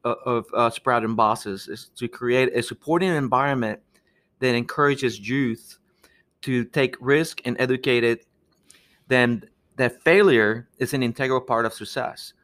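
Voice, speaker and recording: Earnest Peruvian-born man, halting speech. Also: medium pitch, fairly bright tone. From Peru. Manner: earnest, halting with many restarts. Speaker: guest, architect. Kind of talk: podcast interview.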